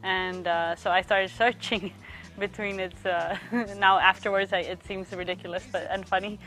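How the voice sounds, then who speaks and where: A young woman from Sweden, a youth worker giving reflective interview answers, pausing often to find her words. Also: medium pitch, flat delivery, fairly bright tone. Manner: thoughtful, pauses often to search for words.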